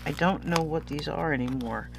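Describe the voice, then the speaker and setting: A man with a slightly high voice and a sniffly sound chats casually through an unboxing. He rambles and loses his thread easily. The recording has a noticeable noisy hum. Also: normal speed, vocal fry. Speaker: vlogger showing stationery purchases.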